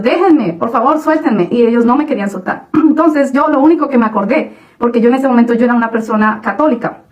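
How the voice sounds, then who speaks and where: A woman giving a personal religious testimony, halting often with restarts and fillers. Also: fairly high pitch, rough recording. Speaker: testimony speaker.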